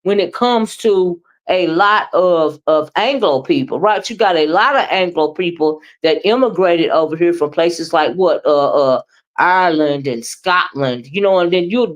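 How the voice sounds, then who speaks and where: The audio is poor as an American woman with a fairly low voice hosts a livestream, responding to chat with casual commentary. Her manner is emphatic and conversational, and she often closes phrases with a questioning tag.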